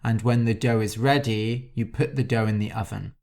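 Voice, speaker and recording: A man hosting a podcast and teaching vocabulary for learners in a slow, deliberate way, spelling out words letter by letter. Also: fairly low pitch, steady tone, vocal fry, darkish tone. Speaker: podcast host. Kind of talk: scripted vocabulary lesson for learners.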